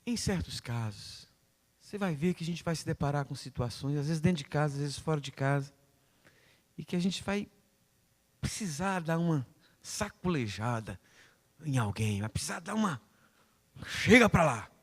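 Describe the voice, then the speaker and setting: A male pastor delivers a dramatic sermon, his voice sitting slightly high and swinging widely in pitch. He acts out prayers and God's answers and calls on people in the congregation by name. The sound carries a long church-hall reverb. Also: expressive, normal speed, pauses often, fairly bright tone. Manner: addresses listeners by name.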